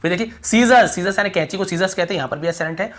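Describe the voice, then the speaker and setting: A man teaching English pronunciation in Hindi to viewers, repeating example words slowly and asking rhetorical questions, often dropping to a quiet voice. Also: high-pitched. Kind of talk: explaining pronunciation rules to viewers.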